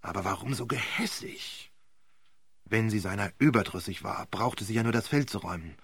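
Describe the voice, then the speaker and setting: A man voicing a gruff, grumbling older male barrister, low and muttering, in a dry, close reading. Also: moderate pace, fairly bright tone, no echo, exaggerated voice. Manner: growling, grumbling.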